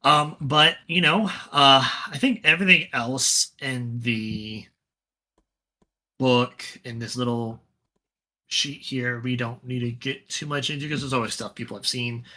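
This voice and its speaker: A man co-hosting a podcast, chatting casually about a tabletop wargame with a relaxed, rambling delivery full of fillers and restarts. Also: mid-range voice, measured pace. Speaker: podcast co-host.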